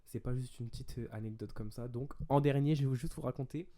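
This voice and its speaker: A young man from France telling a story in a casual, animated vlog style, quoting the people in it. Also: mid-range voice, fairly quick. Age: young adult. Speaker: vlogger.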